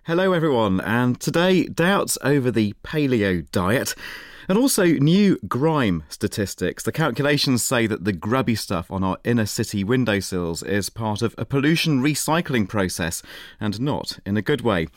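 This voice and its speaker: A middle-aged man hosting a science podcast, presenting in a lively, wry scripted style. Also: medium pitch, normal speed, no echo, clean studio sound.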